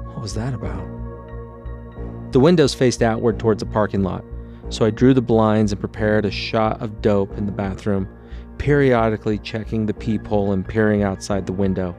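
A man narrating his own memoir as an audiobook in a steady, low-key storytelling delivery. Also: a little fast, faint music behind.

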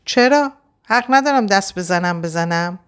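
A woman's voice: mid-range voice, expressive, clear, resonant tone, pitched above the performer's own voice, lightly acted. A woman voicing a menacing, abusive young man who snarls and taunts in an audiobook story. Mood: mocking.

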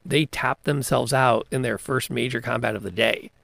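A podcast co-host and game master chats casually about tabletop gaming, telling game stories with great enthusiasm and many restarts. His medium-pitched voice is gravelly and a bit bright, with a steady tone and moderate pace. There's no room sound.

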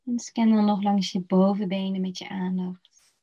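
A woman guiding a slow body-scan relaxation meditation in a soft, soothing voice with long pauses. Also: mid-range voice, level tone, husky. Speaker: meditation guide. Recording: dull lo-fi recording.

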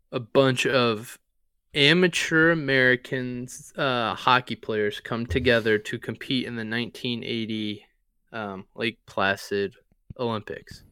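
A man co-hosting a podcast, chatting casually about his favorite movies in a relaxed, rambling way. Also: medium pitch, clear, resonant tone, no echo, studio quality. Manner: relaxed, rambling, with fillers and swearing. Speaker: podcast co-host.

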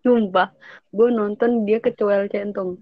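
A woman's voice: mid-range voice, fairly even intonation, slow pace, dry recording, narrow, tinny audio. A young woman in casual chat among friends, questioning them and pushing them to tell their version.

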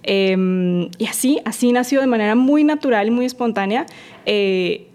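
A woman's voice: fairly high pitch, normal speed, darkish tone. Podcast guest: Colombian woman in her forties, talkative, easy laugh. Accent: Colombian Spanish. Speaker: guest, entrepreneur. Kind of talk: podcast interview.

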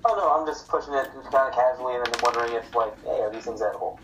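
A man's voice: medium pitch, racing, noisy background. Joking male player, distant and roomy. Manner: rambling, joking. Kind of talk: casual tabletop game chat. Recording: roomy, distant, crowd behind.

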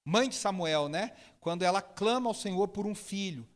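A man preaching a sermon, telling stories lively and imitating people with sudden high shouts. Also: normal speed.

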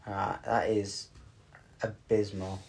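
A middle-aged man co-hosts a casual podcast chat, playful, teasing and mock-stern. His fairly low, darkish voice is slow and creaky, with little pitch movement.

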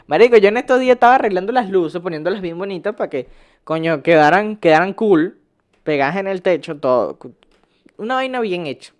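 Rambling, profane Venezuelan guy. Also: sits high. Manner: profane, rambling, laughs often, restarts words. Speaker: vlogger. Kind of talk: casual rant.

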